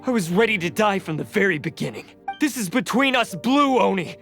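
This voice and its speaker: Takuya, an intense, animated tormented oni. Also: male voice, high voice, fairly quick, vocal fry, faint music behind, heavily acted. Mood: anguished. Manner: intense, dramatic, bitter. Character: proud, tormented young male oni, self-sacrificing. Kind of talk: anime-style video game voice acting.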